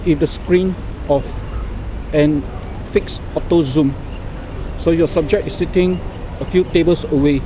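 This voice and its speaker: A middle-aged man with a Singaporean accent gives an informal Singlish product demonstration in halting, deliberate phrases, recorded outdoors on a small camera. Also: a little high. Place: outdoors by a car park and exhibition centre. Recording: noisy outdoor recording with traffic ambience.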